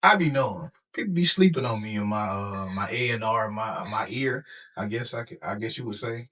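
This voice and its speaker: A man's voice: lowish voice, fairly quick, a bit bright. A man hosting a casual interview, easygoing and slangy. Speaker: host.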